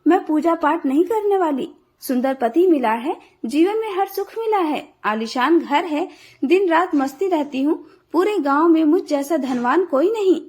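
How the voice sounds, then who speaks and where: A woman's voice: sits high, expressive, normal speed, darkish tone. A woman playing a scornful young bride. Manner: mocking, dismissive. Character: scornful young rich daughter-in-law, proud nonbeliever.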